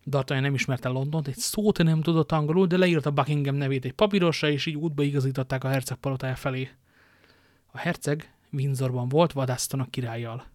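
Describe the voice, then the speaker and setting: A man reading a novel aloud in a steady narrating voice, now and then stumbling and correcting himself. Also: medium pitch, no echo. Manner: steady narration with occasional slips and self-corrections. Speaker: audiobook reader.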